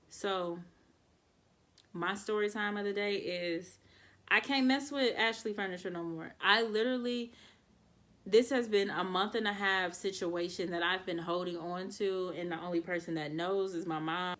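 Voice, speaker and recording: A young woman vlogging to camera, telling an exasperated storytime in a casual, animated way and talking straight to her viewers. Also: medium pitch.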